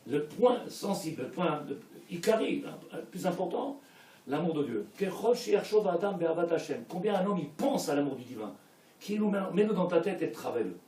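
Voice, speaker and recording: Rabbi with a French Israeli accent, high-pitched, animated preaching that swings from hushed to shouting; echoey hall, mic off at a distance. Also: male voice. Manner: animated, swings from soft to shouting, peppered with Hebrew. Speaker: rabbi giving a Torah class. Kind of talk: sermon.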